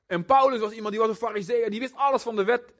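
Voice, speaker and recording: A man preaching a sermon in a casual, conversational way, animated, with frequent fillers and restarts. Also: very high-pitched, fast. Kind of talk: informal sermon.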